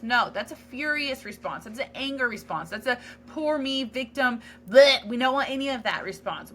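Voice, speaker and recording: Woman podcaster talking it through, earnest and chatty, bright sort of high voice. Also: slight background noise. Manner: candid, earnest, self-reflective; casual with frequent fillers and restarts. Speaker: podcast host. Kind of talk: solo podcast monologue.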